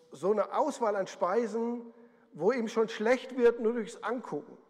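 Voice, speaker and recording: A man's voice: sits high, in a large hall. A man preaching a sermon as pastor, telling the story vividly and acting out the voices he quotes.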